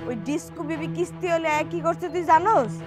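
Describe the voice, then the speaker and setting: An actress playing a tearful, accusing village wife. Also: female voice, very high voice, fast, over music.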